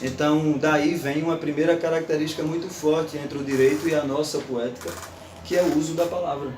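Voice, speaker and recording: A man's voice: on the high side, a little fast, roomy sound, distant mic, a little hiss or hum. A man giving an informal, playful lecture to an audience. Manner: animated, playful, recites verse aloud.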